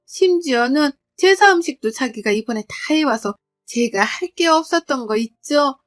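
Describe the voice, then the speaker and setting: A woman's voice: high voice, lively intonation, normal speed, soft background music, pitched above the performer's own voice. A woman voicing an older in-law who effusively praises her daughter-in-law. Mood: gushing. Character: older woman, a gushing, boastful mother-in-law.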